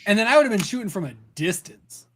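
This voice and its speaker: A man in a casual podcast chat who keeps chiming in with quick agreement. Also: sits high, sing-song, a little hiss or hum.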